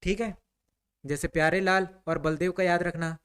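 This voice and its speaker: Speaking at a moderate pace in a high-pitched, steady, smooth voice with a fairly bright tone, a man leads a history class. His style is conversational: he quizzes the students, supplies the answers himself, and keeps saying "ठीक है."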